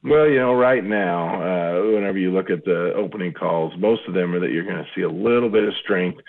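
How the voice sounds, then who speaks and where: A man's voice: sits low, fairly quick, vocal fry. A man answering interview questions over the phone as a market analyst, talking in a loose conversational way with lots of fillers and restarts. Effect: speaking over the phone. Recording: tinny phone line.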